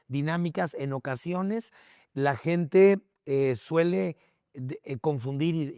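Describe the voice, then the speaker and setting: Slightly high and smooth, his voice comes through in a clean, dry studio recording. A guest history expert with a Mexican accent, he teaches on the podcast in a conversational way, using short tag questions to check in.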